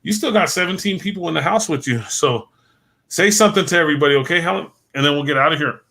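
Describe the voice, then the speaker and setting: The host of a late-night livestream talks fast in a fairly high, gravelly, sharp voice. Chatting casually, he rambles and repeats words while thanking viewers by name, and his voice is wearing out and fading.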